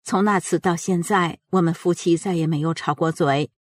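Older woman, earnest low voice. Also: fairly even intonation, no echo, studio quality. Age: 70s. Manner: earnest, measured storytelling. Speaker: narrator of a personal account. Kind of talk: reading a personal story aloud.

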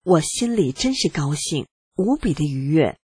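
A reader calmly and earnestly narrating a personal account in the first person, with a husky voice. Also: mid-range voice, moderate pace, no echo. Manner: calm, earnest reading.

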